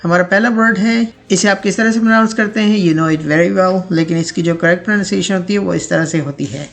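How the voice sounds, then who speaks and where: A man teaching a pronunciation lesson, repeating each word slowly several times so listeners can copy it. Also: high-pitched, steady tone, gravelly, fairly bright tone, soft background music.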